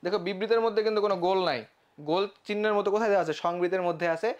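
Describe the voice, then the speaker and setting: A young male teacher with a high voice runs a live online lesson. He explains step by step, keeps checking whether it is clear, and voices his students' questions himself. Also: rapid-fire. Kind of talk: live online class lecture.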